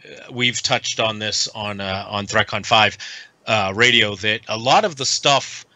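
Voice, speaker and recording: A middle-aged man from the United States, a guest in a casual podcast conversation, speaking earnestly and haltingly with frequent pauses. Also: fairly low pitch, bright, forceful tone, no echo. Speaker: guest, veteran nonprofit advocate.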